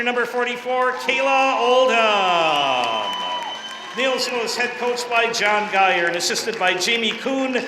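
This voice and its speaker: An American man working as a public address announcer in a school gym, calling out lineups and notices over the loudspeakers with emphatic delivery. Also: sits high. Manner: drawn-out emphatic player names. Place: high school gymnasium, heard over loudspeakers. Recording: echoey sports hall PA, crowd noise.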